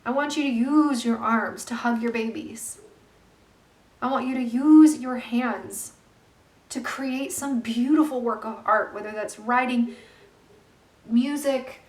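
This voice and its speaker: A woman giving an earnest, gentle self-help talk to camera, with many pauses and fillers. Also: high voice, recorded from a distance. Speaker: vlogger and life coach. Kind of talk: reflective self-help monologue. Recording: echoey room, voice off-mic.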